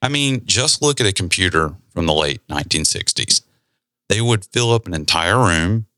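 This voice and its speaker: A man hosting a podcast, explaining a topic in a relaxed, conversational way with side remarks. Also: sits low, moderate pace, dry recording, studio quality. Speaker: podcast host. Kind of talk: casual explanatory talk.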